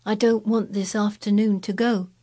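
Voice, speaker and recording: A woman's voice: mid-range voice, little pitch movement, normal speed, mellow, voice pushed up, lightly acted. A woman voicing a frail young boy, eager and wondering. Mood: hopeful.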